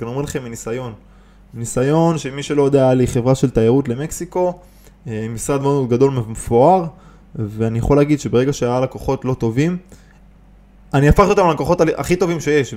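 With a mellow, mid-range voice, a man hosts a podcast about business and the mind and coaches on business. The talk is casual and motivational, with emphasis, rhetorical questions and many restarts.

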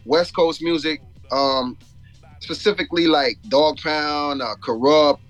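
A Jamaican-born man raised in Florida chats casually as a rapper guest in an interview, telling stories in slangy talk full of asides. His voice is on the high side and fairly bright, unhurried, with the highs cut off and soft music in the background.

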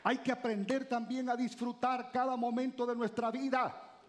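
A male pastor preaching a sermon, calling out to the congregation and swinging between loud rises and low drops. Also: flat delivery, moderate pace. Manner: calls out to the congregation.

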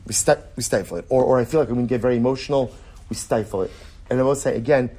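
A man's voice: mid-range voice, breathy edge. A man teaching an informal class to a small group, asking rhetorical questions and repeating his points. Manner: repetitive, rhetorical questions, animated.

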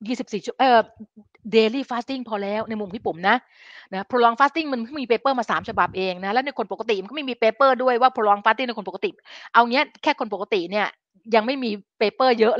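A woman's voice: on the high side, fairly bright tone, no room sound. A middle-aged woman hosts a casual health live stream and talks with her viewers like an older sister. She scatters English science terms through her speech. The sound is dry, with no room, and a little dull. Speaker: live-stream host giving health advice.

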